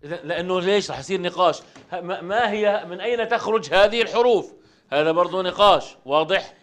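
A man teaching a Quran recitation class, asking the students quick questions in a conversational way. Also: high voice, a bit bright.

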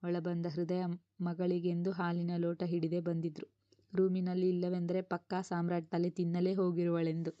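Woman reading a novel out loud, low voice, flat, dry room. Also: no room sound. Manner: even, measured reading. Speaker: storyteller. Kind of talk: scripted story narration. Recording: dull lo-fi recording.

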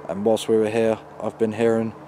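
A man in his twenties hosts a casual vlog about exploring at night, speaking uneasily to viewers through a handheld camera's mic in the woods and an open field. His voice is fairly low, monotone and warm, and he talks fairly quickly. There's slight background noise.

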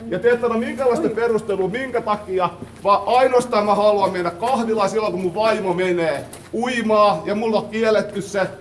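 A man's voice: high voice, hardly any pauses, crowd noise. A man insistently demanding reasons from police, argumentative and indignant, filmed on a phone at a swimming hall entrance. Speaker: man filming his own confrontation with police. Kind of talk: argumentative live-streamed confrontation.

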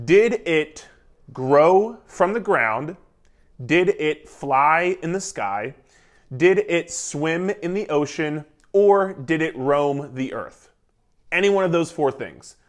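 Thirties guy coaching on camera, lively and emphatic, bit higher pitched, lapel mic at home. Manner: energetic, emphatic, gestures a lot while talking. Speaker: nutrition coach. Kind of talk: casual instructional talk to camera. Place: living room indoors, beside a whiteboard.

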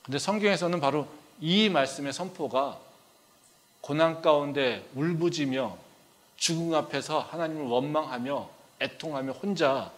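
A man preaching a sermon as pastor, talking in a conversational way and acting out dialogue, swinging between loud pleas and quiet asides, often dropping in a short filler. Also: medium pitch. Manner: frequent filler "ye".

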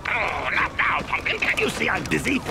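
The cackling, gravelly Joker. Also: male voice, fairly high pitch, sing-song, moderate pace, exaggerated voice. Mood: manic. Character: cackling manic male clown villain. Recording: game soundtrack music.

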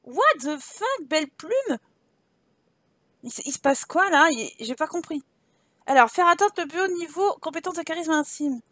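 A woman's voice: sits high, normal speed, long pauses, fairly bright tone, no room sound. A woman hosting a let's play, giving casual commentary and teasing her game characters as she plays.

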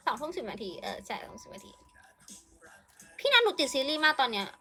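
Bubbly high-voiced young woman streamer. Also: big pitch swings, fast, bright, forceful tone, soft background music. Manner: playful and chatty, greets and thanks viewers by name. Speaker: live streamer. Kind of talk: casual live-stream chat, reading viewer messages and thanking donors.

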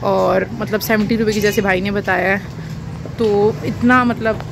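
A woman's voice: medium pitch, fairly even intonation, unhurried, vocal fry. Chatty Pakistani woman vlogging in a noisy market. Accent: Punjabi Urdu. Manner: chatty, asks shopkeeper questions, says matlab often. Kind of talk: casual food vlog narration. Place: outdoors in a busy market street and small shop. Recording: phone audio with loud street noise.

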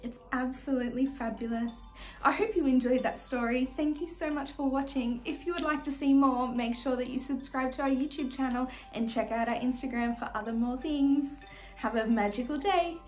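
A young woman playing a sweet, gracious fairy-tale princess, reading in an animated, sing-song way for small children. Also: high-pitched, moderate pace, lightly acted. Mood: cheerful, gracious. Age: young adult. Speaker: children's party entertainer reading a storybook. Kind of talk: children's storybook reading in character. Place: small decorated room indoors. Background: music.

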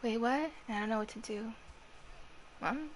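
Woman, 20s, live streamer: kid-like higher voice, unhurried, profane casual chat with chat. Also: a little hiss or hum. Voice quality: youthful, girlish-sounding voice. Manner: swears freely and chats with viewers. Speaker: livestreamer.

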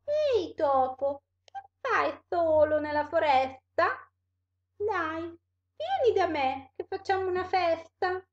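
A woman voicing a sly female snake in a storybook reading, with high, sing-song exclamations and a slightly dull recording. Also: sing-song, slow, exaggerated voice. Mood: scheming.

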